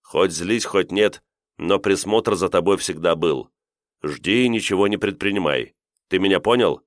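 A man reading an audiobook, voicing a gruff, irritated male KGB chairman who gives curt, commanding orders over the phone. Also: low-pitched, moderate pace, dry recording, studio quality, lightly acted. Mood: stern. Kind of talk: audiobook character voice.

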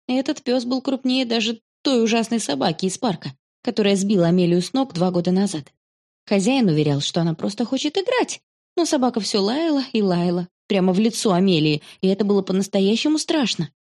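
Mellow woman reading a children's story. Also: mid-range voice, brisk. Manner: calm, even storytelling. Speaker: narrator. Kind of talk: audiobook narration of a children's story.

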